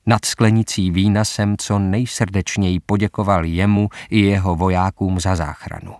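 Low-voiced man reading a story. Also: fairly even intonation, darkish tone, no room sound, studio quality. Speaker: audiobook narrator. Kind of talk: scripted first-person narration.

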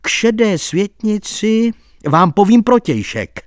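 A man's voice: high voice, big pitch swings, no echo, clean studio sound, voice pushed up. A man reading a gossipy court clerk. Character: lively male court clerk, gossipy storyteller. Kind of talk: audiobook reading.

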